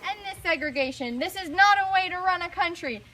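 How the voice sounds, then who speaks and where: A woman's voice: very high voice, lively intonation, a little fast, bright, forceful tone, a little hiss or hum, exaggerated voice. A young woman playing a determined male activist leader in a school skit, speaking earnestly. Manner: earnest, declaiming.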